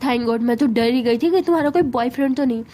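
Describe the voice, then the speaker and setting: A woman's voice: a little high, fast, warm tone, lightly acted. A woman voicing a fussy middle-aged mother who chats and scolds her daughter with care. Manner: chatty, scolding.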